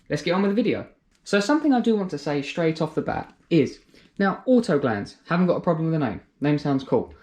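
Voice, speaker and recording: A man's voice: a little high, a little mellow. A man giving a casual product review, chatty and thinking aloud as he explains. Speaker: car care reviewer.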